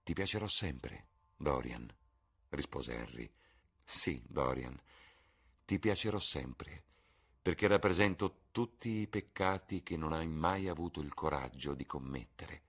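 A man with a very deep, husky, somewhat bright voice reads the part of a witty, cynical aristocrat speaking in ironic epigrams. He goes a little slowly and acts it heavily.

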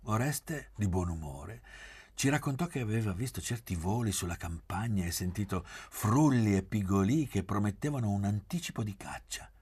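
A man reading a novel aloud as an audiobook, in a measured, expressive manner. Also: on the low side, breathy edge. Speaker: reader.

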